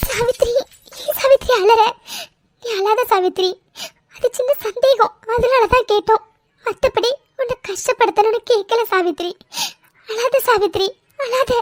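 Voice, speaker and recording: A woman voicing a gentle, dutiful young daughter-in-law in a cartoon, soft and consoling. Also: extremely high pitch, unhurried, no room sound. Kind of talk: cartoon voice acting.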